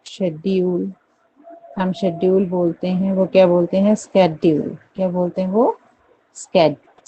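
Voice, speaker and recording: A woman teacher from India with a low, mellow voice explains English pronunciation at an unhurried pace, drilling each word several times. The recording is dull and lo-fi, with faint noise behind her. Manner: repeats words slowly, checks in with "theek hai?". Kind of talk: classroom pronunciation lesson.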